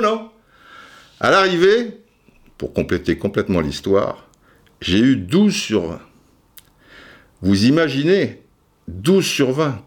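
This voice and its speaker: A man hosting a podcast, telling a self-mocking story and acting out voices and sounds. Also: medium pitch. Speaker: podcast host. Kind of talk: casual storytelling monologue.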